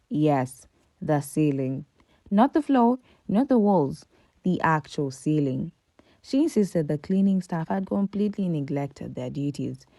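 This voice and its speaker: In a low, mellow voice recorded without any room sound, a female commentary narrator reads her script. She delivers it emphatically, leaning heavily on rhetorical questions.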